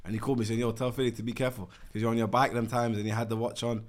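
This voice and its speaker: A man's voice: medium pitch, little pitch movement, racing. A man in his twenties with a London roadman accent, chatting and telling stories in heavy street slang. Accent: London, urban street (roadman) style. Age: 20s. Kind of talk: casual slang-heavy banter and storytelling.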